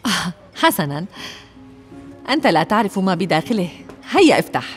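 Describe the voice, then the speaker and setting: A woman in a dubbed drama playing a caring social worker, speaking warmly and encouragingly, with soft music underneath. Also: on the low side, big pitch swings, brisk. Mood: kind. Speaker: social worker who adopts a boy.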